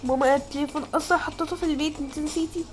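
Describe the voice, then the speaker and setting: A woman's voice: sits high, steady tone, racing, faint music behind, natural voice. A woman voicing a grown son with an Egyptian accent, casual and offhand.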